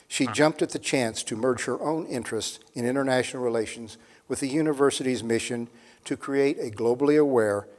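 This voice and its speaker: An older man, the moderator of a lecture series, reads a speaker's introduction from a sheet at a podium microphone in a measured way. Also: medium pitch, darkish tone. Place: large hall with seated audience. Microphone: podium mic on a stand. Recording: long reverb in a hall.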